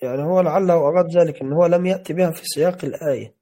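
A man reads from a classical text and explains each term, slow and deliberate, going back over words. His voice sits fairly high for a man, with a mellow, darkened tone. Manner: measured, careful reading with repeated words. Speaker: teacher.

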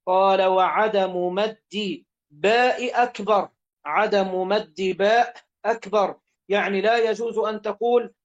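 A man's voice: high voice, fairly even intonation, measured pace, highs cut off. A man with an Egyptian accent teaching religious law, reading each line of a classical text aloud, then repeating and explaining it.

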